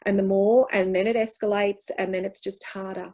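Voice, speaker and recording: A woman presenting a workshop in a middle-pitched voice. She speaks earnestly and reassuringly, leaning on key phrases and restarting sentences as she answers questions. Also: level tone, moderate pace, dark tone, low-quality recording.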